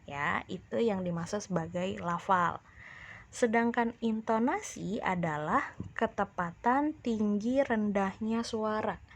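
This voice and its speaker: A woman teacher giving a recorded lesson to children, explaining patiently and speaking straight to the class. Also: medium pitch. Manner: slow, patient explaining, addresses the class directly.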